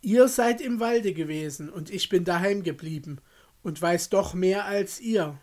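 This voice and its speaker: Benjamin, the youngest brother of a storybook fairy tale, speaks earnestly and with emphasis, voiced by a male reader. The delivery is slow and deliberate. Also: high-pitched, a little mellow. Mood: teasing.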